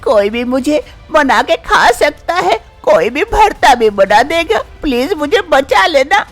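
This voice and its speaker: A woman's voice: high voice, sing-song, unhurried, soft background music. A woman voicing a timid young husband turned into an eggplant in a cartoon, pleading and whimpering. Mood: frightened.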